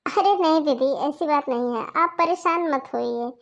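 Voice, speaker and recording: A rude, impatient sister-in-law from a cartoon, as a woman voices her. She talks loudly and curtly, and her voice is high. She scolds in clipped, irritated lines. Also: moderate pace, creaky. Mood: dismissive. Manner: loud, scolding, curt. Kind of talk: cartoon voice acting.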